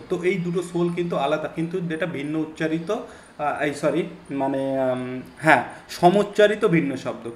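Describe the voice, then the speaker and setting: A man patiently explaining an English lesson, repeating his points with many fillers. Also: on the high side. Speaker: English exam tutor. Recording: echoey room, faint hiss.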